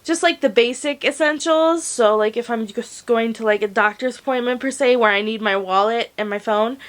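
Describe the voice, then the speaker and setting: A young woman with a high, bright-sounding voice chats to her camera from home. She is slangy and casual, swearing offhandedly as she talks. Her voice comes through a plug-in desk mic. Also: moderate pace. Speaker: crochet vlogger.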